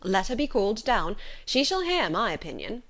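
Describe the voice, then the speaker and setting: Lady doing a calm deadpan dad from an old novel, dry irony, formal, unhurried. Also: medium pitch. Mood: unconcerned. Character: calm, dryly ironic middle-aged father.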